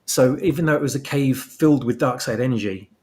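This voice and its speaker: Speaking fairly quickly with a darkish tone, this medium-pitched man is a fan fiction author guesting on a podcast. He chats casually about story lore, going into long explanations and frequently repeating his words.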